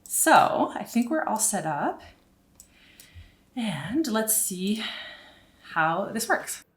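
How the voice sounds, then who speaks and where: In a small room at home, a woman in her thirties, a pilot and video host, gives a casual tutorial and thinks aloud as she works. Her mid-range voice is very animated but extremely slow, recorded close up on a boom-arm mic with a headset.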